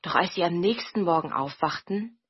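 A woman narrating a storybook in a gentle, expressive reading style. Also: fairly low pitch, normal speed, muffled recording, heavy background noise.

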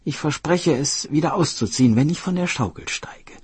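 A man voicing the youngest female fairy in a storybook tale, pleading in a high voice. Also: expressive, normal speed, slightly rough, no echo. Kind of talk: storybook narration.

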